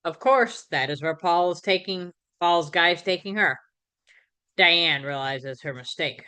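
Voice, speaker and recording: Woman, podcast host, low-pitched voice, bright tone, casual recap, fillers and restarts. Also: unhurried, clean tone. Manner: conversational, with fillers and self-corrections.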